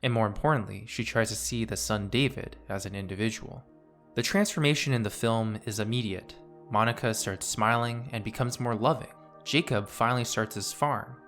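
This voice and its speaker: A man in his twenties narrating a scripted video essay in a measured, analytical way. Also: fairly low pitch, fairly bright tone, faint music behind.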